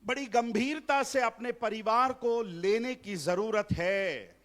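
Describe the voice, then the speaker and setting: Preaching slowly in a high, fairly bright voice, a middle-aged pastor delivers a Hindi sermon at a family seminar in a church hall. He blends in English phrases and trades jokes with the congregation.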